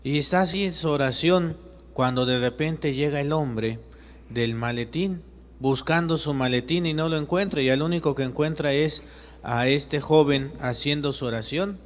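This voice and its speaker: Mexican priest telling a sermon story. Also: male voice, fairly high pitch, moderate pace. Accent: Mexican Spanish. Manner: narrates and acts out characters' voices. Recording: long echoey reverb.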